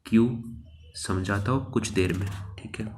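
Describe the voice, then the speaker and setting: In a classroom grammar lesson, a male teacher with a fairly low, darkish voice explains English articles and pronunciation at a moderate pace. He repeats words and asks the viewer questions, and there's a little hiss or hum in the recording.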